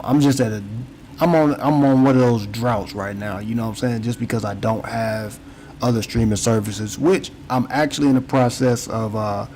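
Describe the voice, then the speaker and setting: A man's voice: medium pitch, a little mellow, a little hiss or hum, low-quality recording. Rambling casual podcast host, a man. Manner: rambling, repeats words, frequent "you know what I'm saying". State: yawning, tired. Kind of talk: casual chat.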